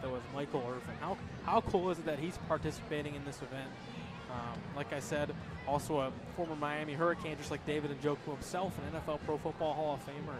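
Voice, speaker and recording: A man doing color commentary at a celebrity softball game, talking with enthusiasm as he sizes up the players. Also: on the high side. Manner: enthusiastic, quick talker. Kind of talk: live sports commentary. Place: outdoor ballpark. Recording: outdoor ballpark broadcast with crowd and noise.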